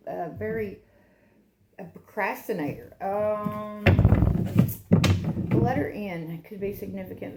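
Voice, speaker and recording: A woman with a gravelly, creaky voice talks through a casual tarot reading, rambling and chatty. She laughs at herself as she goes. Her voice bounces around an echoey room over loud background noise. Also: mid-range voice. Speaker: tarot reader and channel host.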